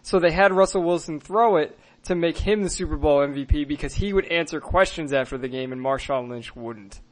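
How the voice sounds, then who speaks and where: Earnest, somewhat high-voiced co-host man. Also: a little fast. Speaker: podcast co-host. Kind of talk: casual sports podcast chat.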